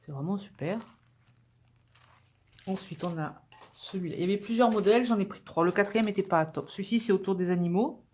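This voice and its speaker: A woman's voice: medium pitch, a little fast, pauses often, a little mellow. A woman vlogger chatting casually to camera as she unpacks a craft-supply haul, upbeat and full of little fillers. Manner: chatty and enthusiastic, with many fillers.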